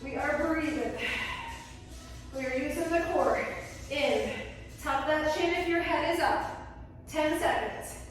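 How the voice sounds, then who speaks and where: High-voiced woman coaching a workout in echoey space. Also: takes it slowly, pauses often. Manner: short clipped cues and countdowns; encouraging, working out along with viewers. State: exerting, puffing between sets. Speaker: fitness instructor. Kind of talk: workout coaching, counting and cueing. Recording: echoey hall, distant microphone.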